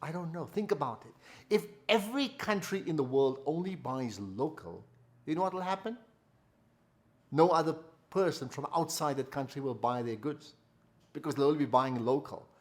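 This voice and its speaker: A man's voice: on the high side, a little mellow. A man giving a motivational masterclass. He repeats key phrases for emphasis and asks rhetorical questions. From South Africa. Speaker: company founder giving a masterclass.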